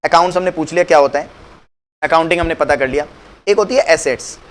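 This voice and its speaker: A man's voice: a little high, fast talker, fairly bright tone. A man teaching accounts in a chatty classroom lecture, asking students questions and answering them himself, often slipping English phrases into his talk. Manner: mixes English phrases into Hindi; calls students "beta" affectionately.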